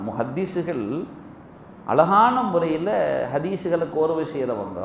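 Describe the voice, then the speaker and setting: A man giving a mosque sermon, telling stories with swings between loud emphasis and hushed asides. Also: fairly high pitch, a little hiss or hum. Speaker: preacher. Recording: echoey mosque with faint ambience.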